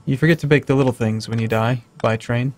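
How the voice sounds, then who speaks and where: A man's voice: mid-range voice, fairly even intonation, fast talker. A man playing a game with friends, making dry, teasing remarks. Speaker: co-player. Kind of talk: casual gaming chat.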